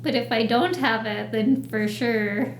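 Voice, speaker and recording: Woman podcast co-host rambling on casually, kinda high voice, roomy echo. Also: steady tone, a little slow, slight background noise. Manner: chatty and rambling, with fillers. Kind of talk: casual chat. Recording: echoey room.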